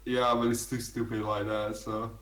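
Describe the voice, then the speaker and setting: A man's voice: lowish voice, little pitch movement, moderate pace, a bit bright, far from the mic. A man running a tabletop game as game master, who talks with a lot of stammering and hesitation. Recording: echoey room, off mic.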